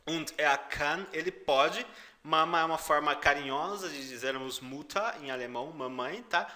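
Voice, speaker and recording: A man's voice: a little high, normal speed, sharp tone. A man with a Brazilian Portuguese accent teaching a German lesson, patiently repeating each phrase and stressing the foreign words. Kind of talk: language lesson explaining song lyrics.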